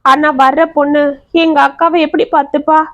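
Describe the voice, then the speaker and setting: A woman's voice: high voice, little pitch movement, normal speed, a bit bright. A woman voicing a distressed young village woman who speaks in earnest, tearful colloquial talk. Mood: despairing. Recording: dry, slightly dull audio.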